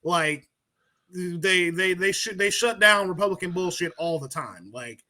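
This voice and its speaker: High, bright-voiced podcast guest man. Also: measured pace. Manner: animated, laughs easily, swears casually. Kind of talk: casual live-stream chat.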